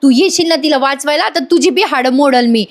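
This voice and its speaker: A woman's voice: high-pitched, brisk, pitched above the performer's own voice. A woman voicing a brash, jealous young woman who taunts and bosses a young mechanic. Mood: taunting. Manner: taunting, teasing and bossy.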